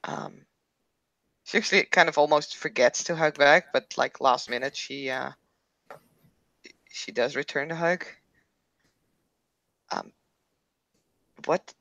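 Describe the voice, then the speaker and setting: Female tabletop player, gravelly fry in the voice, giggly and halting as she describes her character casually. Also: deep voice, a bit bright, no room sound, highs cut off. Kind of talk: casual third-person role-play narration.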